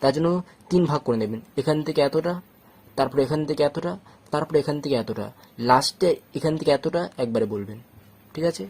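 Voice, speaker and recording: A man teaching Quran reading, sounding out letters slowly syllable by syllable and explaining each step calmly. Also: a little high, husky. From Bangladesh or West Bengal. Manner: slow syllable-by-syllable drilling; explains calmly, checks with "okay?". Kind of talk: patient step-by-step recitation lesson.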